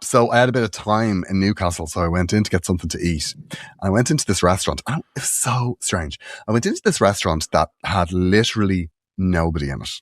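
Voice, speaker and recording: A man chatting on a comedy podcast, his voice jumping up and down in pitch as he spins a story. The sound is close and dry, with frequent laughter and quick impressions of the people he describes. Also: no echo. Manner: animated storyteller, laughs often, acts out quotes. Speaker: podcast co-host. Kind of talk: casual comedic chat.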